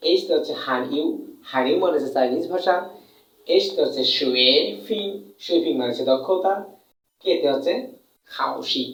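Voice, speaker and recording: A man teaching a lesson, repeating points and answering his own questions, drawing out sounds to demonstrate tones. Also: a little high. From Bangladesh. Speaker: Chinese language teacher. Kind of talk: classroom lesson in Bengali. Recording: echoey room, mic at a distance.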